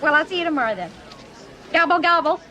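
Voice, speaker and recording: A chirpy, sing-song rental agent. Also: female voice, sits high, expressive, fast talker, bright, forceful tone. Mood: chipper. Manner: sing-song chipper service voice. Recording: film clip with crowd noise.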